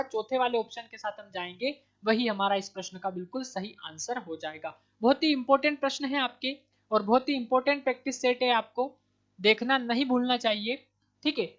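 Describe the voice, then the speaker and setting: Woman exam tutor, slightly high voice, patient and repetitive, on muffled lo-fi audio. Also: a bit bright. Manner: explains step by step, repeating answers with "ठीक है". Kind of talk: online exam-prep lesson. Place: Madhya Pradesh, India. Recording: dull lo-fi recording.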